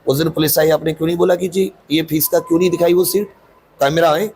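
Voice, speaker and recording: A man's voice: on the high side, steady tone, fast, a little mellow, slight background noise. A man, a coaching teacher, answering interview questions in a defensive, insistent, rambling way.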